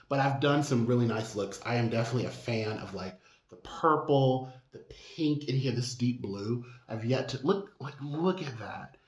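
A man giving a casual makeup product review, chatty and candid with sassy asides. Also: mid-range voice. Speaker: makeup vlogger. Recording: roomy echo.

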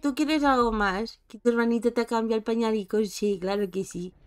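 A woman's voice: fairly high pitch, steady tone, moderate pace, a little mellow, clear, resonant tone. Woman, casual gameplay commentary, chatty, talks to characters. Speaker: gameplay streamer. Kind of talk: casual let's-play commentary.

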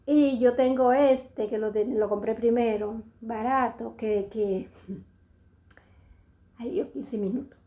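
Middle-aged dominican lady rambling on her vlog, highish mellow voice, keeps restarting. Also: takes it slowly. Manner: rambling, chatty, frequent restarts. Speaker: vlogger. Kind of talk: casual chat to camera.

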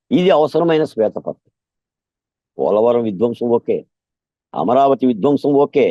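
A man speaking as a political guest in an impassioned interview, emphatic and repetitive, often growing loud and intense. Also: medium pitch, no echo, dull audio. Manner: emphatic, repeats lines, gets louder and more intense.

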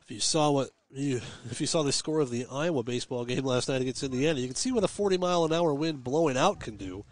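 A man calling live high school baseball on the radio from a ballpark press box, giving steady pitch-by-pitch calls with chatty, folksy asides. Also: fast talker, hardly any pauses. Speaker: play-by-play radio announcer. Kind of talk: live radio sports commentary.

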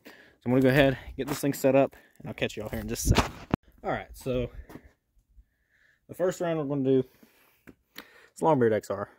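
A man's voice: medium pitch, a little mellow, a little hiss or hum. A young man hosting a casual outdoor vlog, talking plainly and folksily to viewers while he works. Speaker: outdoors channel host. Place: outdoors at a shooting range.

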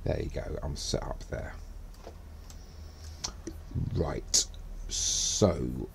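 Deep gravelly-voiced man streaming a game. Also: extremely slow, slight background noise. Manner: muttering to himself while playing. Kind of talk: casual gameplay commentary.

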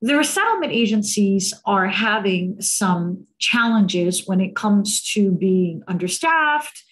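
Speaking slowly with big pitch swings around a medium range, a US woman in her thirties addresses listeners earnestly as a guest speaker on cultural competence, using a video-call headset. She often adds "um" and checks in with "right?". The recording is low quality.

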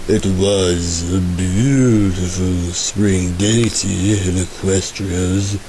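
Man, hammy stage-style dramatic reading, low pitch, mellow tone, mock-grave, slight hiss. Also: rough recording. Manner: hammy, stagey, slow delivery, reading punctuation aloud with mock gravity. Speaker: reader of a comic fan story. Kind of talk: dramatic reading of a written story. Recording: faint background hiss.

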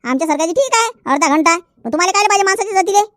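A woman's voice: very high-pitched, expressive, very fast, a bit bright, no echo, studio quality. A woman playing a nagging, teasing village wife in a comedy skit.

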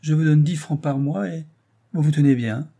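A man's voice: fairly high pitch, moderate pace, creaky, warm tone, breathy edge, pitched above the performer's own voice. Mocking young actress, as a man reads her. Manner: taunting, icy, mocking. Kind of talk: audiobook reading.

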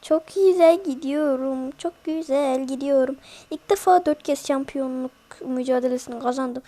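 Excitable high-voiced woman yelping over gameplay. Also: normal speed. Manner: excitable, yelps and pleads at the game, repeats words in bursts; chatty asides to viewers. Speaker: mobile game streamer. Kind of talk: live gameplay commentary.

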